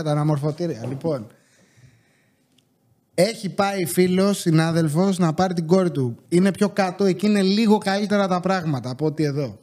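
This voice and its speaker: A man, hosting a podcast and telling stories in a casual, animated way. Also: on the high side. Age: 30s. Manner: animated storytelling with acted-out quotes. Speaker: podcast host. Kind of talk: casual chat.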